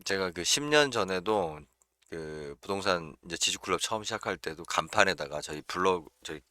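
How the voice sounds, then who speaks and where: A man's voice: low voice, lively intonation, normal speed, bright, forceful tone, no room sound, clean studio sound. A man from central South Korea, hosting a casual real estate livestream, talking bluntly with frequent fillers and chuckles. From Chungcheong region, South Korea.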